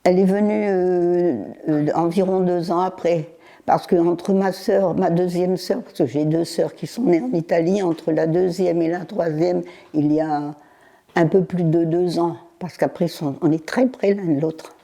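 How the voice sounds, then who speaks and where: Very old woman with a deep, dark voice. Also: steady tone. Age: 90s. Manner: halting, with pauses, fillers and repeated words. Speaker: interviewee. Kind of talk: recalling her childhood in an interview.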